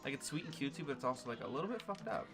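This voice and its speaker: A woman's voice: extremely low pitch, animated, rapid-fire, music in the background. A young woman chatting and teasing while playing a video game, joking and swearing freely. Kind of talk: casual gameplay chat.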